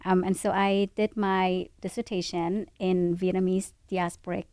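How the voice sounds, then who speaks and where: A woman in her forties who grew up in Poland, a podcast guest speaking in a thoughtful, measured way with frequent pauses. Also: on the low side, level tone, a little mellow, no room sound. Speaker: guest, public health researcher. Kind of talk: podcast interview. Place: studio set with a couch.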